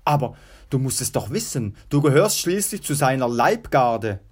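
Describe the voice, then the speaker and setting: A man voicing an anxious, cautious younger Roman brother who speaks in urgent, hushed warnings. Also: mid-range voice, big pitch swings, normal speed, husky.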